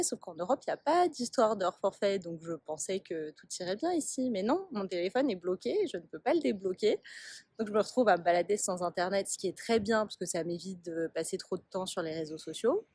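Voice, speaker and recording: A woman's voice: medium pitch, a little mellow, dry recording. A young woman from France chatting casually to camera as she walks around outdoors, laughing at herself as she goes. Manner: chatty, self-mocking, laughs easily. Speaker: travel vlogger. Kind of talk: casual vlog commentary. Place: outdoors in town streets, on a boat.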